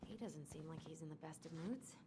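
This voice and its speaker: An actress voices a young woman in a narrative game who is earnest and caring, with a gently wry edge. Her voice sits a little low in pitch. Clear ambient game noise runs underneath. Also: brisk, close to an everyday voice.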